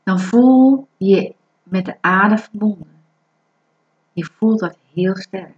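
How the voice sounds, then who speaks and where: Woman leading a breathing meditation, real slow and soothing, kinda muffled lo-fi sound. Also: medium pitch. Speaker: meditation guide. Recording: dull lo-fi recording.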